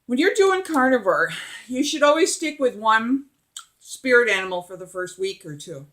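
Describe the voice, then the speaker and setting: A woman's voice: fairly high pitch, very animated, moderate pace, a bit bright. A middle-aged woman chatting casually and emphatically while eating, as a mukbang vlogger.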